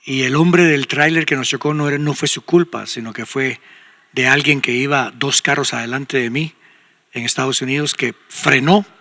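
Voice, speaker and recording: A man's voice: mid-range voice, moderate pace, sharp tone, in a large hall. An older man with a Guatemalan Spanish accent, a pastor and radio host giving pastoral counsel in a conversational, emphatic way. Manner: conversational, emphatic, acts out quoted speech.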